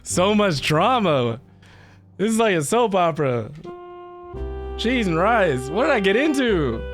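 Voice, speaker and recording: This game streamer has a high-sitting, very animated voice and talks a little slowly. He offers casual live commentary while playing, muttering playful reactions, with game music clearly audible behind him.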